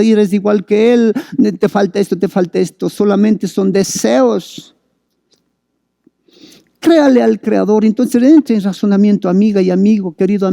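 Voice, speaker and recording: A male preacher with a high-pitched, gravelly, warm voice gives a sermon, urging his listeners on with fervent, repeated calls. The studio-quality recording has no room sound.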